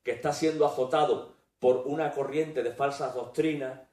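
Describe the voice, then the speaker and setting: A male preacher teaching from the Bible, unhurried and deliberate, leaning into the scripture he reads. His tone is mellow and soft-edged. He stands away from the microphone in an echoey room. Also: medium pitch, fairly even intonation. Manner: slow, deliberate, reading scripture with emphasis. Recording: echoey room, far from the mic.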